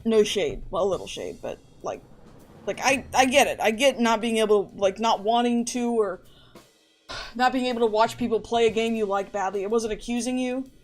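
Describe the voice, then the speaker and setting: A woman's voice: fairly high pitch, normal speed, soft background music. A woman streamer chatting casually to her live audience, rambling and going off on tangents. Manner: rambling, chatty, often restarts and trails off.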